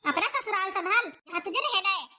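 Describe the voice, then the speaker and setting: A woman's voice: very high-pitched, expressive, fairly quick, heavily acted. A woman voicing a nagging, sarcastic mother-in-law in a cartoon. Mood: indignant. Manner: sharp, scolding, sarcastic. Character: nagging scolding middle-aged mother-in-law. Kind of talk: cartoon voice acting.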